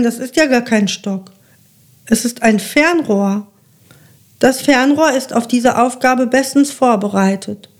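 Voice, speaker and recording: A woman narrating a children's fairy tale in a calm, measured reading voice. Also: fairly high pitch. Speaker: storyteller.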